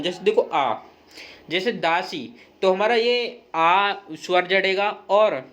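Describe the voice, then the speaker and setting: A man's voice: high voice, fairly bright tone. A man teaching grammar in a recorded lesson, patient and repetitive, often checking in with the viewer and pointing things out step by step.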